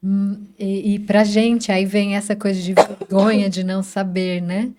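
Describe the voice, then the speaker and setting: A Brazilian woman speaking calmly and in a measured way on a discussion panel. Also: medium pitch, noisy background. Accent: Brazilian Portuguese. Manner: calm, measured, with frequent "né".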